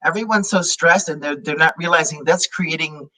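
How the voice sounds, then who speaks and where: A non-native English-speaking man, a sound healer, talking in a halting way with many restarts while he searches for words. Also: fairly high pitch, sharp tone, rough recording. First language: not English. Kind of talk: casual interview chat.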